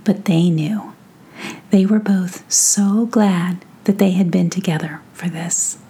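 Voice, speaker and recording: A woman reading a bedtime story aloud with soft, half-whispered narration. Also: lowish voice, fairly even intonation, slow, breathy edge.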